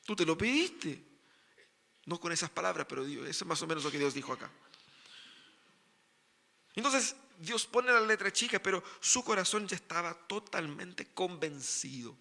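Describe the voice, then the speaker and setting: Gravelly, forceful pastor preaching. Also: male voice, on the high side, expressive, normal speed, slight background noise. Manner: emphatic preaching, voices characters in quotes. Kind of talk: sermon. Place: church sanctuary. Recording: reverberant church hall.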